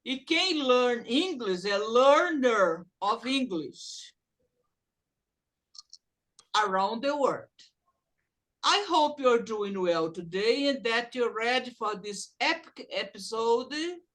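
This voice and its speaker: A woman teaching English in an online class, explaining slowly and mixing English phrases into her talk over a video call. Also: fairly high pitch, lively intonation, fairly bright tone.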